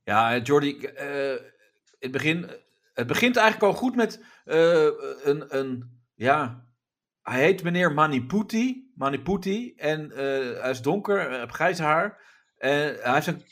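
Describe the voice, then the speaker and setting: A man's voice: on the high side, expressive, measured pace, a bit bright. A man hosting a podcast, chatting casually and hesitantly with many fillers and restarts. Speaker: podcast host. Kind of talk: casual chat.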